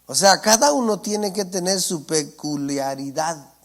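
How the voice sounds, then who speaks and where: A man's voice: high-pitched, animated, a little slow. A male preacher, giving a sermon and often asking his congregation "¿entiende?". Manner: asks the congregation for assent, calls them brothers. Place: church.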